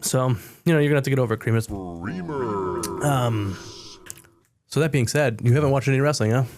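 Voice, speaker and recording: A man's voice: mid-range voice, fairly quick, background noise. A man co-hosting a wrestling podcast, chatting casually and retelling a televised scene with quoted lines. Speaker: podcast co-host. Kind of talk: casual chat.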